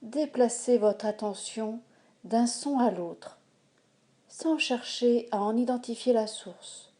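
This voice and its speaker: Very slow, soft-toned woman guiding relaxation. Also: on the high side. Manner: calm, measured, soothing delivery. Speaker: yoga nidra instructor. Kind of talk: guided relaxation meditation, slow instructions with pauses.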